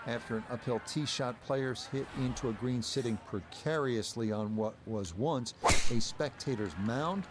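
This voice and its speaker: A man giving polished, measured play-by-play as the lead golf commentator on a televised-style game broadcast. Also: medium pitch, noisy background, lightly acted.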